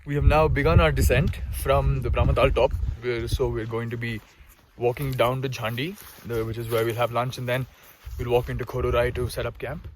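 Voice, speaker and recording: Mid-pitched man vlogging on a trek. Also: flat delivery, fairly quick, slight background noise, poor audio. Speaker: trekking vlogger. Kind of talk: casual vlog to camera. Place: outdoors on a mountain trek.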